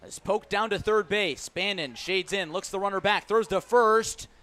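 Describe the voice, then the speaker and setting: Pitched high and sounding pushed and bright, this male play-by-play announcer keeps a moderate pace. He's calling a baseball game live on the radio from an outdoor ballpark and punching up the big moments.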